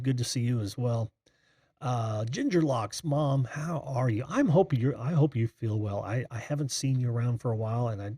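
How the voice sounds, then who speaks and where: An American man from Indiana with a breathy voice, hosting a casual live call-in stream in a rambling, familiar way as he greets viewers. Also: medium pitch, warm tone, no echo, studio quality. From Indiana, United States. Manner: rambling, distracted, friendly familiar address. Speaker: host of a live call-in show.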